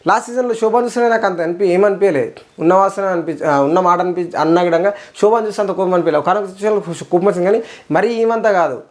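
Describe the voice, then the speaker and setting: Fired-up fast-talking Telangana Telugu man. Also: sits high. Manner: fired-up and indignant, repeats phrases for emphasis. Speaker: reality show reviewer. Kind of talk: casual rant-style episode review.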